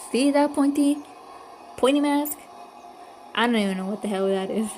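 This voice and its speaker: A woman's voice: a little high, darkish tone, slight background noise. A woman streaming a story game live, reading the narration aloud and making casual asides.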